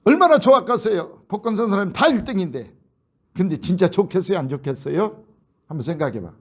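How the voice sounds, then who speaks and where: A man preaching a sermon in a church, telling a film's story in an animated way and acting out the characters' lines. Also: high-pitched, fast. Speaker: pastor. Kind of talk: sermon, retelling a film.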